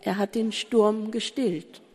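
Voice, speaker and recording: A woman preaching a sermon, full of rhetorical questions and swinging between urgent pleading and soft calm. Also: mid-range voice, takes it slowly, husky. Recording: reverberant hall.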